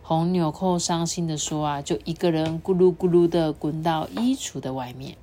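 A woman reading a children's story aloud, animated and chatty, talking with a child listening beside her. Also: low voice, moderate pace, slight background noise.

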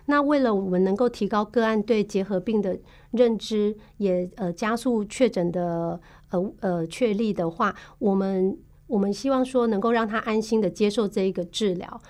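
A woman with a Taiwanese Mandarin accent speaks in a patient, explanatory way, stopping often on small fillers as she lays out medical procedures. Her voice sits at an ordinary middle pitch for a woman. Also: darkish tone. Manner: patient, explanatory, measured with frequent filler pauses. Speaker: tuberculosis case manager. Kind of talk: podcast interview.

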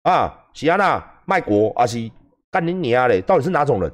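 A man with a Taiwanese accent hosting a livestream, ranting and swearing loudly, switching between mocking shouts and low muttered asides. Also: sing-song, moderate pace. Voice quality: loud, swings between yelling and muttering. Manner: shouting profanity, mocking impressions. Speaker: livestream host, gym owner. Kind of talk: angry livestream rant.

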